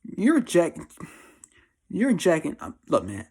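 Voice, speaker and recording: Here a twenty-four-year-old man with an American accent gives life advice as a vlogger, confessing casually to camera. His slightly high, husky voice is a little mellow, swings hugely in pitch, and moves at an unhurried pace. He talks in slang, bluntly and with emphasis, repeating phrases often.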